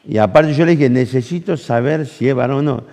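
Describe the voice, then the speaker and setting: A man's voice: medium pitch, fairly quick, vocal fry. A man with an Argentine accent preaching a sermon, telling a personal story with acted-out dialogue and questions to the congregation. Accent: Argentine Rioplatense Spanish. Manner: animated storytelling, acts out dialogue, asks the audience questions. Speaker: pastor. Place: church camp hall. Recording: long hall reverb.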